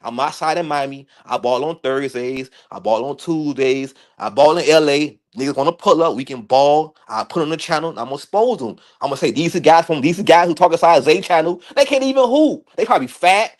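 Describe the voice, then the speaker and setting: Brief: thirties man, animated debate guest, slangy and repetitive, slightly high pitch. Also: brisk, hardly any pauses. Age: 30s. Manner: animated, repeats himself, slangy. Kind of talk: casual heated sports debate.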